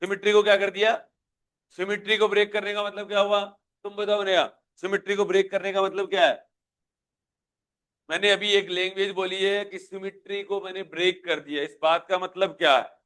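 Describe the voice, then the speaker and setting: Male physics teacher, hindi accent, high voice, classroom lecture, keeps quizzing students. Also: little pitch movement, fairly quick, fairly bright tone, clean tone. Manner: questioning, coaxing students to answer aloud.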